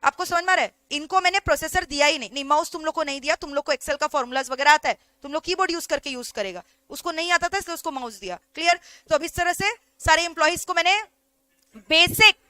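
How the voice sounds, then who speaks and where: Chatty Indian woman teacher, bright high voice. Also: fast, dry recording. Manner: chatty, keeps asking if students follow. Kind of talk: online lecture.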